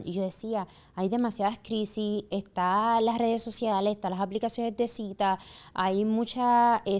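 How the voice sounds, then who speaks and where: A woman's voice: medium pitch, darkish tone. Reflective woman psychologist. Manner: reflective, explains relationships with emphasis. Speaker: psychologist and podcast host. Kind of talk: conversational podcast talk.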